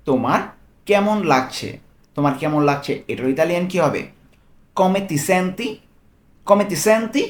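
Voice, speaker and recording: A man with a Bangladeshi accent, working as a language tutor. He explains phrases patiently, repeating each one slowly and checking in with "okay?". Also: on the high side. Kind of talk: explaining Italian phrases in Bengali.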